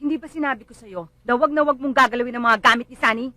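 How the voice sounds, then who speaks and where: A woman's voice: fairly high pitch, fast, sharp tone, dry recording. An actress playing a bereaved mother who bitterly blames others and lashes out in anger. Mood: furious. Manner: bitter, accusing, rising to screams. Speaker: grieving mother. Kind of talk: film drama acting.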